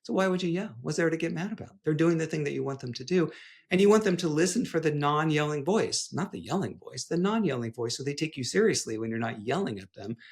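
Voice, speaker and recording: A middle-aged man, a clinical psychologist, speaking as a podcast guest in an animated, conversational way. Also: on the high side, fast talker. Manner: animated, playful storytelling with acted-out dialogue. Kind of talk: conversational interview.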